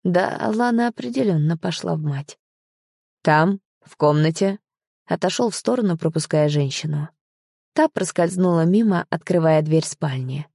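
A woman reading an audiobook, narrating the story in an even storytelling manner. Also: lowish voice, moderate pace, vocal fry, husky, no room sound, studio quality. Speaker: audiobook reader. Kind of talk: scripted narration.

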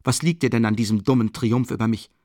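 A man's voice: on the low side, moderate pace, no echo, close to an everyday voice. Tormented young man, read by a male narrator, agitated and bitterly mocking; dry close audiobook sound. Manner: agitated, musing half aloud, bitter mockery.

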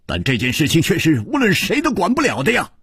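A man's voice: fairly high pitch, wildly swooping pitch, quick pace, fairly bright tone, breathy edge, no echo, studio quality, voice pushed up, full character voice. A man voicing a proud, cold young swordsman who speaks tensely and urgently, in a storytelling performance. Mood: agitated.

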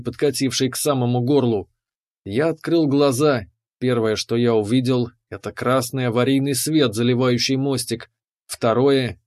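A man's voice: mid-range voice, a little mellow. A man narrating a first-person space adventure audiobook in a tense, dramatic way.

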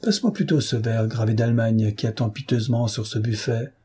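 A man's voice: medium pitch, steady tone, brisk, mellow, breathy edge. A man reading aloud voices a drunken, swaggering duke who leers at a young woman. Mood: leering. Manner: slurring, swaggering. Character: drunken bold male duke, leering.

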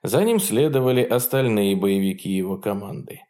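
A man narrating an audiobook in a measured reading voice. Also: lowish voice, animated, mellow. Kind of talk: scripted narration.

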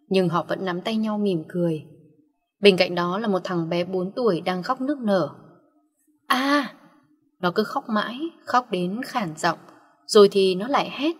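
A woman's voice: medium pitch, slightly rough. Woman narrating a drama with reverb. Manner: emotive reading. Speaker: audiobook narrator. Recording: long reverb.

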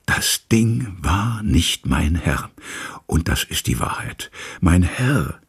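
A man voicing a loyal, frightened old male manservant who drops into hushed whispers, with a gravelly, husky voice. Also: sits low, very animated, takes it slowly, pitched above the performer's own voice, exaggerated voice. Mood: fearful.

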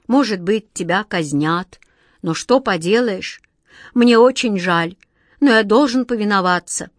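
Woman doing a rumbling worried genie. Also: a little slow, no room sound, clean studio sound, natural voice. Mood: glum. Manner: solemn, formal, worried. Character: rumbling, dutiful, anxious male genie.

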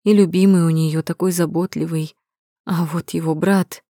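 A woman voicing a shy, timid young woman in an audiobook, speaking softly and hesitantly. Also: on the low side, steady tone, moderate pace, no room sound, clean studio sound, natural voice. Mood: warm. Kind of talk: audiobook reading.

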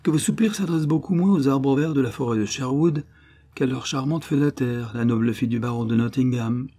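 A man voicing a refined young noblewoman who gently teases her brother, in a storybook reading. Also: medium pitch, a little fast, voice pushed up, close to an everyday voice. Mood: teasing. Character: young noblewoman, teasing and lively.

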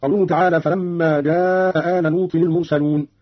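A man presenting a radio program, explaining variant Quran readings in a measured, didactic way and quoting the verses. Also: on the high side, fairly even intonation. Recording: dull old radio recording.

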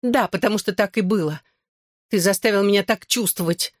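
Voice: mid-range voice, brisk, dry recording, studio quality, voice pushed up, close to an everyday voice. An audiobook reader voicing a jealous, reproachful young woman who hisses her complaints at her ex. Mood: hissing. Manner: reproachful, hissing. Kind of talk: audiobook character voice.

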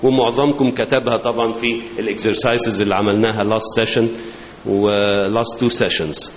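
A man's voice: lowish voice, fairly even intonation. Male lecturer, Egyptian accent, patient bilingual explanations, recorded in a big echoey hall. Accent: Egyptian Arabic. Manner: explains slowly, switching between English and Arabic. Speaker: teacher. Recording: roomy, dull, hissy hall recording.

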